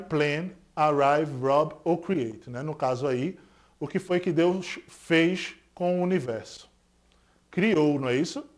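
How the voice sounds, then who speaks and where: Brazilian teacher, explaining and checking "certo?". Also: male voice, fairly high pitch. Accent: Brazilian Portuguese, Pernambuco. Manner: didactic, asks students rhetorical questions and confirms with "certo?"; stresses English example words more loudly. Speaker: English teacher. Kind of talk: recorded classroom lesson.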